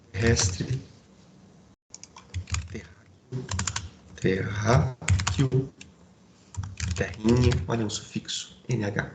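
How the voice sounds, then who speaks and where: A man teaching a grammar lesson, explaining step by step and checking in with his students through quick asides. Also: medium pitch, vocal fry. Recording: roomy echo, faint background noise.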